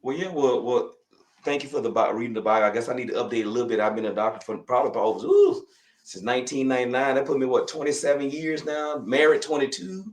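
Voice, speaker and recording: A man's voice: medium pitch, quick pace, reverberant, rough recording. A man in his fifties from Louisiana with a Southern accent, a physician talking as a guest in a casual interview, folksy and rambling, often repeating himself. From Louisiana, USA. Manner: folksy, rambling, with frequent repetitions.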